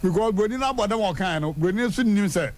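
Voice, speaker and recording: A man hosting a radio show, telling a story in a lively way and leaping high in pitch for punchlines. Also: very fast. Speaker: radio host. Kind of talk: animated radio storytelling and proverbs. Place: radio studio.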